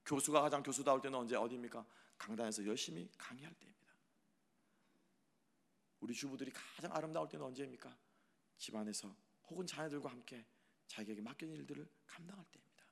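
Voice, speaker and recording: A male pastor giving a Sunday sermon in a church. He swings between loud, impassioned preaching and hushed, near-whispered lines, and he puts rhetorical questions to the congregation. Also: medium pitch, fast talker, gravelly, pauses often, in a large hall. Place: church sanctuary.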